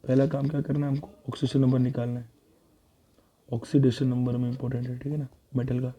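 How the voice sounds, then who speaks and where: Fast and flat, his medium-pitched voice is mellow with a breathy edge as he leads a chemistry revision lesson. Talking students, whom he calls beta, through worked examples step by step, he thinks aloud and corrects himself as he goes.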